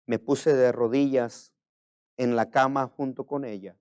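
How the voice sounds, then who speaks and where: A male pastor preaching a sermon, moving between hushed personal storytelling and loud, impassioned preaching. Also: mid-range voice, fairly even intonation, measured pace, clear, resonant tone, dry recording.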